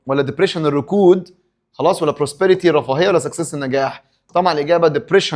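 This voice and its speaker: A man with an Egyptian Arabic accent teaching an English exam review, asking and answering his own questions and stopping for pep talks. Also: on the high side.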